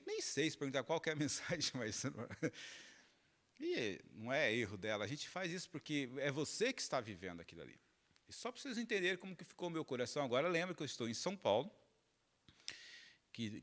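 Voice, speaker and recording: A man's voice: medium pitch, fairly bright tone. A middle-aged man from Minas Gerais, a pastor telling a personal story during a sermon, acting out the dialogue and laughing along. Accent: Minas Gerais Portuguese.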